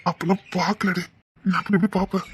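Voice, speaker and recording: Brief: a gentle, unhappily married young man, husky and quick, quiet and consoling. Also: high voice, level tone, no room sound, heavily acted. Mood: soothing. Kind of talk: TV serial melodrama.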